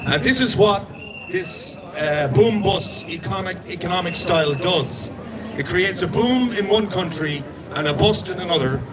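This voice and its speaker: A man's voice: high voice, expressive, moderate pace, heavy background noise. A man with a west of Ireland accent giving an insistent, explanatory impromptu speech at a street protest. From Galway, Ireland. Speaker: protest speaker. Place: outdoors in a city street among a crowd. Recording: outdoor street, very loud crowd.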